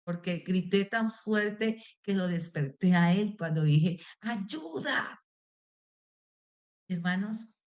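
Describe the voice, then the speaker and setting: A woman preacher, earnest and direct, telling a personal testimony in a sermon and often turning to the congregation as brothers and sisters. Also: medium pitch. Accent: Colombian Spanish.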